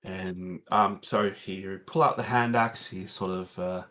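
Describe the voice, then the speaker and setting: A man narrating a tabletop game as game master in a relaxed, meandering way with many fillers. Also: deep voice, a little slow.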